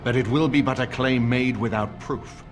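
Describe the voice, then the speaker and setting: In dramatic video game dialogue, an actor voices a grave, middle-aged nobleman in a fantasy setting, rallying allies against a usurper. He speaks formally with measured authority, at medium pitch and lightly acted, sounding grave and resolute. Music plays in the background.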